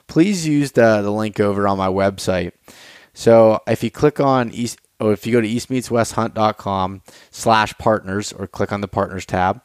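A man with an American accent and a lowish, clean, resonant voice, recorded dry and close. He speaks as a podcast host in a casual, informal way, feeling out his phrasing as he goes. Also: smooth, dry recording. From Pennsylvania, United States.

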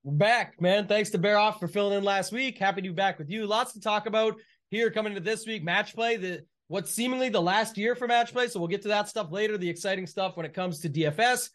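A man's voice: high voice, fast talker, fairly bright tone. A man co-hosting a golf podcast, chatting casually about sport in loose, run-on, clipped phrases. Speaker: co-host of a golf betting podcast.

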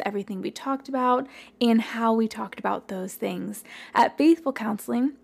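A woman hosting a Bible study podcast, talking earnestly and encouragingly in a slightly hoarse, worn voice. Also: on the high side, a little mellow. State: slightly hoarse, worn voice from recording the day before. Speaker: podcast host.

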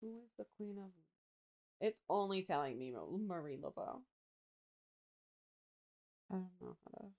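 A woman's voice: fairly low pitch, lively intonation, measured pace, vocal fry, pauses often, muffled recording. A woman co-hosting a podcast in casual chat, with a wry, teasing way of talking. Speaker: podcast co-host.

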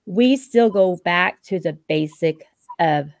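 A woman's voice: on the low side, lively intonation, takes it slowly, no echo. A woman in her fifties hosting a casual interview, chatty and frank, laughing often. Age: 50s. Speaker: podcast host.

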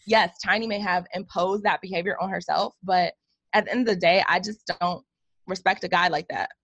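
A woman's voice: fairly low pitch, steady tone, fairly quick, creaky, a bit bright, dry recording, dull audio. A woman talking in a casual chat, blunt and opinionated, swearing freely as she makes her points.

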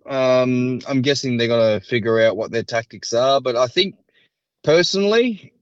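A man's voice: mid-range voice, normal speed, dry recording. Rambling man on a podcast. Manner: rambling, hedging, lots of fillers. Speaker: racing podcast co-host. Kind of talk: casual chat. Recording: slightly dull, dry sound.

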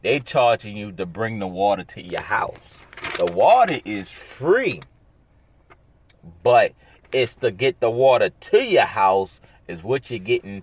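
A man hosting a solo podcast, rambling in a casual, sarcastic, blunt way full of slang. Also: lowish voice. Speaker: podcast host.

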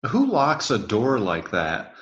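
Slow-talking man in an echoey room. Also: mid-range voice, lo-fi sound. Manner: relaxed, explains behind-the-scenes trivia. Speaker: movie commentary co-host. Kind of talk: casual movie watch-along chat.

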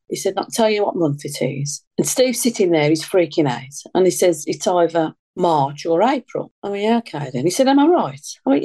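Older woman, low mellow voice, rambling storyteller, repeats herself. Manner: rambling, repeats herself, lots of reported speech. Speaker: guest. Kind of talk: casual storytelling.

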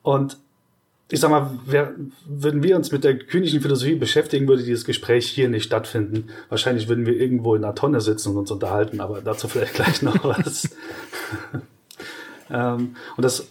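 His explanations on the podcast he co-hosts come fairly quickly, patient but full of restarts at first, then growing into animated, exaggerated examples. The man's voice sits at a middle pitch, and he sounds unscripted and conversational.

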